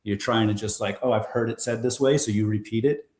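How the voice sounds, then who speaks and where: This lower-voiced American former bar owner in Korea tells stories briskly in an interview, rambling and animated, with plenty of restarts, while the room adds noticeable reverb.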